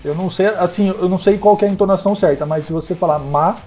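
A man co-hosts a podcast, his voice a little high. He explains jokes with mock seriousness over faint music. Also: rapid-fire, warm tone. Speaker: podcast co-host. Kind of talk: casual podcast chat.

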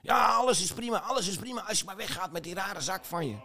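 A man's voice: high voice, animated, fast, sharp tone, voice pushed up, exaggerated voice. A man voicing a small red demon, shrieking and shooing someone away from the gates of hell. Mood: shrill panic.

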